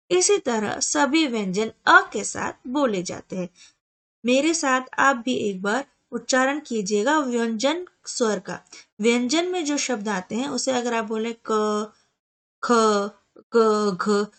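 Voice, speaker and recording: A woman teaching a grammar lesson, explaining slowly and sounding out examples letter by letter, often asking a question and answering it herself. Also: fairly high pitch, fairly bright tone. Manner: slow, deliberate explaining with spelled-out examples; asks the viewer questions and answers them herself.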